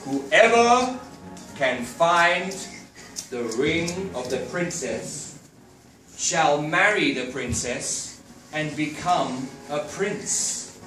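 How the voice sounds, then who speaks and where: A woman voicing a gentle, fatherly king who soothes and reassures. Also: low-pitched, animated, extremely slow, reverberant, far from the mic, over music, heavily acted, low-quality recording. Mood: proclaiming.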